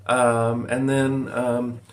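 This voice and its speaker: A vlogger in his forties from Virginia, USA, rambles through a personal monologue to his viewers, full of ums and uhs and often calling them "folks." He speaks very slowly, with a medium-pitched, level tone.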